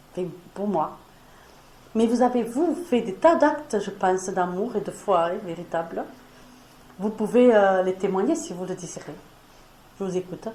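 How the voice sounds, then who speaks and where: A woman's voice: mid-range voice, dark tone. Woman with a foreign accent, echoey room. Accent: foreign accent in French. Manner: earnest, conversational, pauses with fillers. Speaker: speaker leading a spiritual discussion. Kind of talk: spiritual talk to a small audience. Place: meeting room before an audience. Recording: echoey room with faint noise.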